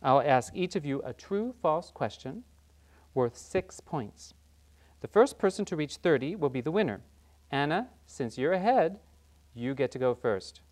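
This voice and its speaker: A performer playing an upbeat quiz show host who briskly announces questions and scores in a scripted game show parody. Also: mid-range voice, big pitch swings, a little mellow.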